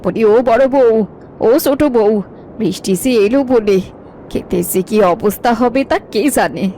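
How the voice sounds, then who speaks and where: A woman's voice: a little high, a little slow, mellow, slight background noise, lightly acted, low-quality recording. Woman playing a harsh village mother-in-law. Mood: worried. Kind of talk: cartoon drama voice acting.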